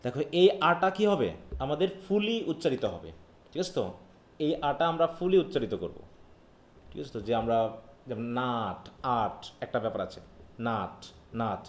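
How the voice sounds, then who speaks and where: Patient teacher explaining phonetics, echoey room. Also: male voice, medium pitch, big pitch swings, brisk. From Bangladesh. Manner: explains patiently, often checks if students follow. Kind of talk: live online phonetics class.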